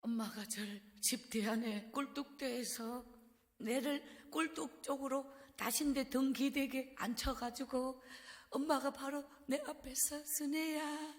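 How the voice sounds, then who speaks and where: A woman evangelist preaching a revival sermon in a church, telling a personal story with deep emotion and dropping to a hush. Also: steady tone, measured pace. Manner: emotional storytelling, dropping to hushed, breathy tones. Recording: reverberant church hall.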